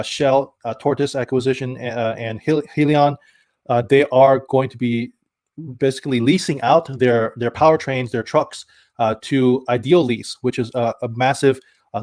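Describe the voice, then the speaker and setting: A man's voice: medium pitch, a little mellow, no echo, studio quality. A man hosting a live stream about stocks, chatting casually, reading viewer comments and restarting his sentences with many fillers. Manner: thanks viewers by name, reads chat comments. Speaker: stock channel host.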